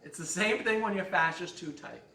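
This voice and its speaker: A man's voice: high voice, moderate pace, creaky, pushed and bright, reverberant, far from the mic. A man as fitness coach, leading a guided stretching class with jokes and countdowns. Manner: joking, upbeat instruction with counting. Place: fitness studio.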